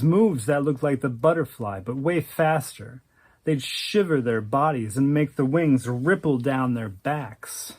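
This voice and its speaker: A man narrating an oral history with vivid, wry storytelling. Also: a little high.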